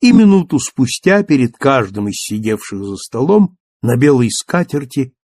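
A man narrating an audiobook in an even, measured storytelling manner. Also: medium pitch, no echo.

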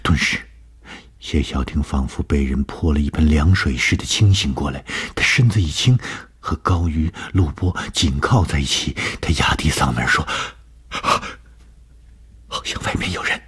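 A man narrating a ghost story for radio in a slow, measured, dramatic reading. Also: very deep voice, lively intonation, a bit bright, slightly rough.

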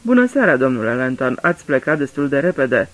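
A man's voice: medium pitch, sing-song, a bit bright. A man voicing Poirot, a fussy, courteous older detective, in a radio drama reading, talking patiently like a teacher. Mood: courteous probing. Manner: polite, patient, explaining like a teacher.

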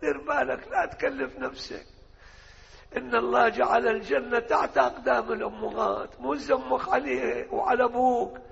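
A man's voice: very high voice, steady tone, normal speed, gravelly, a bit bright. A man with an Iraqi accent giving an impassioned mourning sermon, moving between speech and chanted lament. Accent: Iraqi Arabic. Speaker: religious orator. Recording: dull lo-fi audio with long hall reverb.

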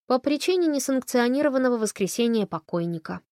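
A woman reading an audiobook, voicing a calm, breezy and ironic young woman inquisitor. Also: a little high, quick pace, no echo, clean studio sound, voice pushed up, natural voice.

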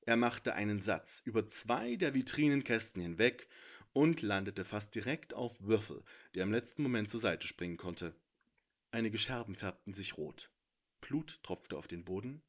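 Casting: male audiobook narrator, measured, lively intonation. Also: fairly low pitch. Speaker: author and narrator.

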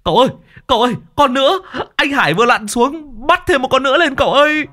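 A man's voice: very high voice, fast talker, bright, forceful tone, pitched above the performer's own voice. A man voicing a timid, boastful young boatman who whines and stammers. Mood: excited. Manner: whining and stammering, then bragging.

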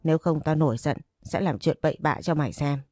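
A woman voicing a jealous, cruel young wife who threatens and taunts in a low, warm voice. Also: fast talker, dry recording, studio quality, soft background music. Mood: threatening. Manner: taunting, menacing.

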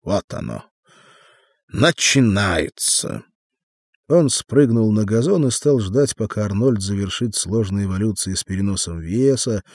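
A man narrating a literary novel as an audiobook reader, in an expressive, measured way. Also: lowish voice, no echo, studio quality.

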